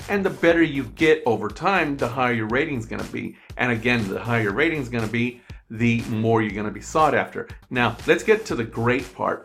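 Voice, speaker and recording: An online tutorial presenter with a mid-range, fairly bright voice walks through a screen-recorded tutorial. He explains step by step, repeating himself, and speaks into a USB desk microphone.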